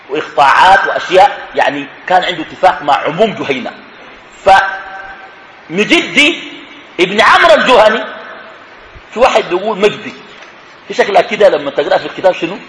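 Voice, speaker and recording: A man's voice: high-pitched, a bit bright, slight background noise. A man teaching religious history, asking his listeners questions and then answering them himself. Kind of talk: lecture on prophetic history. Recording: echoey room.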